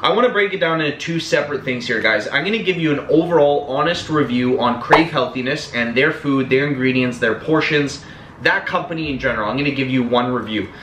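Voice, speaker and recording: In an echoey room with a little hiss or hum, a young Italian food vlogger chats briskly about packaged meals, calling his audience "guys" throughout. His voice is medium-pitched and fairly bright.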